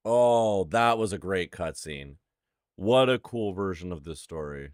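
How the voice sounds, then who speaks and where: Male game streamer, deep voice, dry close-mic sound, casual and sweary commentary. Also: lively intonation, measured pace, smooth, no room sound. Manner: blunt, sweary.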